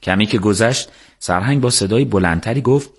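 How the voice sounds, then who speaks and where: A man narrating a book on the radio in a calm, measured storytelling manner. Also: lowish voice. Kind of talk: scripted narration.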